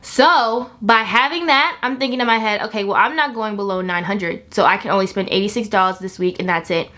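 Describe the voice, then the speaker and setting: Bright and forceful, a medium-pitched voice talks a little fast as a twenty-one-year-old vlogger chats to camera on her channel. Upbeat and encouraging, she keeps repeating points for emphasis.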